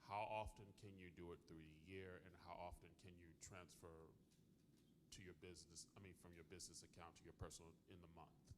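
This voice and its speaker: A man in the audience asking a question in a hesitant, halting way, correcting himself as he goes. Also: deep voice, steady tone, background noise. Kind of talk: question from the floor.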